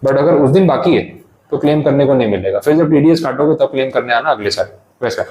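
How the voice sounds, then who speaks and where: A man's voice: medium pitch, lively intonation, fast talker, a little mellow, poor audio. A male tax lecturer in a classroom, explaining step by step in English.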